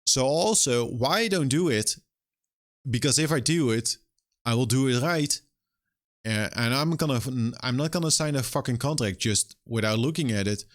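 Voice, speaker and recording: A man's voice: medium pitch, lively intonation, normal speed. A young man streaming live and ranting in a casual, exasperated way, swearing often. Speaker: streamer and game developer. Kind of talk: casual livestream rant.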